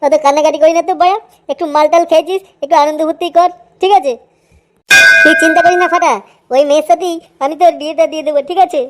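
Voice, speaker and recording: A bossy, foul-mouthed older man in a cartoon, voiced by a woman, keeps talking down his worried young friend. He pushes on in a high, quick voice and tags nearly every order with "all right?". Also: steady tone, heavy background noise. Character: bossy older man, the hero's father's friend, crude and reassuring. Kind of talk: cartoon voice acting.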